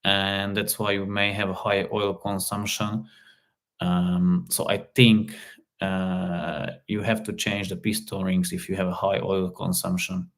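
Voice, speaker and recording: A man from Slovakia whose first language is Hungarian hosts a live stream as a car repair hobbyist, chatting casually and answering viewer comments. He's halting, with frequent restarts, repeated words, and many fillers. His voice is low, with little pitch movement.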